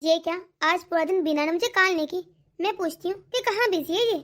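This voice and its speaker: Woman doing a fretful soft-spoken mother. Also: very high voice, a little fast. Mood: soothing. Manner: gentle, coaxing, fretful. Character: worried aging mother, soft and pleading. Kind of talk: cartoon dialogue.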